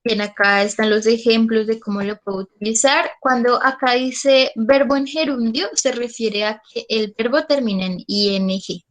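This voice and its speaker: Profesora colombiana de voz aguda. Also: female voice, a little high, steady tone, normal speed, hardly any pauses, rough recording. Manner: explains patiently, checks in with "¿listo?". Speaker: English teacher. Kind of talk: online class explanation.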